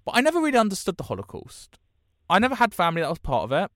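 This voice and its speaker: Animated British man hosting a podcast. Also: high voice, rapid-fire, no room sound, studio quality. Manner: earnest, encouraging self-help talk. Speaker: podcast host. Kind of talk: podcast monologue introduction.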